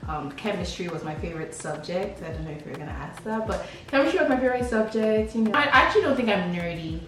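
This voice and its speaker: A young woman from Lagos, Nigeria, chats casually and playfully for a vlog, answering questions about herself in a medium-pitched, slightly bright voice that is animated and fast. The room echoes, the mic is distant, a beat plays behind her, and there's a little hiss or hum.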